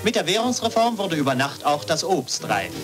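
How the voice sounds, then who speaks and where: A man announces an old newsreel with a chipper, sing-song lilt, his voice sitting fairly high and swinging freely up and down. It is an archival newsreel soundtrack, with music playing clearly underneath. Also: big pitch swings, moderate pace. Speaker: newsreel narrator. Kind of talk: old newsreel narration from 1948.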